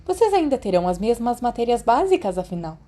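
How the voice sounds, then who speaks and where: A woman's voice: on the high side, sing-song, dark tone, a little hiss or hum, voice pushed up. A Brazilian woman voicing a formal, tactful elderly female professor in an audiobook story. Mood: gentle, tactful. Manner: formal, measured.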